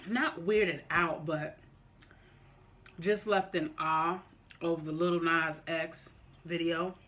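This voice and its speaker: A mid-pitched vlogger shares opinions casually with viewers. The delivery is slow and deliberate, halting often and circling back to rephrase. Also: fairly even intonation, sharp tone. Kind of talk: casual opinion talk to viewers during a mukbang.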